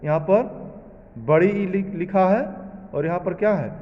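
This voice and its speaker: A man's voice: high voice, unhurried. Man teaching a class in an echoey room. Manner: drills students, asking and answering his own questions. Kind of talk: classroom lesson. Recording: echoey room with long reverb, dull sound.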